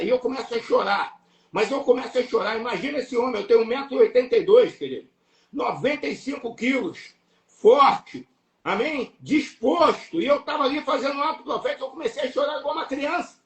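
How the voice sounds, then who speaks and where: A man with a Brazilian Portuguese accent preaching an impassioned sermon, emphatic and repetitive, breaking into shouts. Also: very high voice, expressive, a little fast. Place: church or live stream hall. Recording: echoey room, voice from far off.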